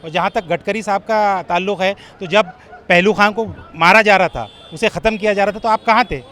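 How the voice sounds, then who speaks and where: A man's voice: sits high, fairly quick, bright, forceful tone. A man interviewed on a city street, speaking emphatically like a speech and throwing accusing questions. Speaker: local supporter interviewed on the street.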